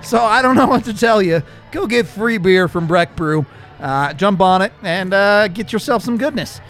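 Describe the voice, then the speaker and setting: A man's voice: high voice, animated, normal speed, fairly bright tone, faint music behind. A man hosting a sports podcast, bantering casually and reading sponsor spots in a loose, jokey, conversational way. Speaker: podcast host.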